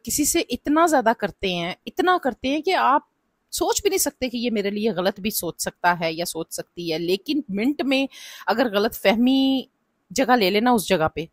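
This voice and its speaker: High-voiced woman vlogger. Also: animated, moderate pace, no room sound, clean studio sound. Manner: chatty and advice-giving, with frequent "na" and "janab". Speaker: family vlogger. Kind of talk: casual vlog narration.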